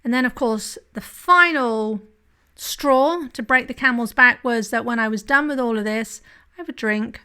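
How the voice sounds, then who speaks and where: A woman's voice: on the high side, a little slow, sharp tone, clean tone. A woman hosting a solo podcast, talking candidly and confessionally, with frequent "right?" asides. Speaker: podcast host and drinking coach.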